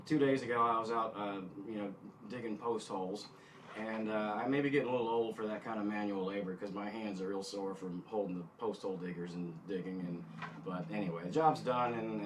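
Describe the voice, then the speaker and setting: Halting low-pitched man teaching guitar. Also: noisy background. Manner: halting, self-correcting, thinking aloud. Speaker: guitar instructor. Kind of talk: informal instructional demonstration with music theory. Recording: guitar playing behind the voice. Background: guitar notes being tapped.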